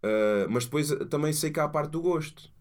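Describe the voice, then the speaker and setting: A man's voice: a little high, moderate pace. Slangy man chatting casually. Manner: slangy, animated retelling with acted-out quotes. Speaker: podcast guest, hip-hop producer. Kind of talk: casual chat.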